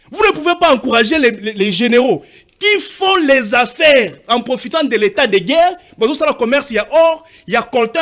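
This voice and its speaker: This man from Katanga in DR Congo has an extremely high, fairly bright voice. As a panelist in a heated TV debate, he argues insistently, talks over the others, and mixes French with Lingala.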